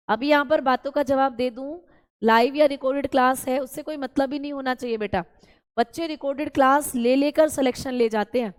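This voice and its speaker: A woman's voice: high voice, clean tone. A woman teaching an online class, repeating key terms and talking directly to her students. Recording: long hall reverb.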